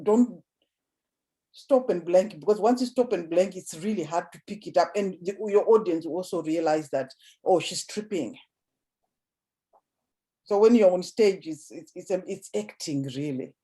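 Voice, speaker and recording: A woman giving casual spoken advice on public speaking, often restarting words and dropping her voice low before lifting it again. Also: normal speed, warm tone. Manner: repeats and restarts words, drops voice low then lifts it to demonstrate.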